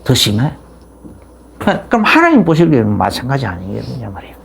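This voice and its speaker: A man's voice: medium pitch, wildly swooping pitch, fairly quick, vocal fry, fairly bright tone, a little hiss or hum. A middle-aged man, a pastor, giving a sermon in a conversational, rambling storytelling way with frequent restarts.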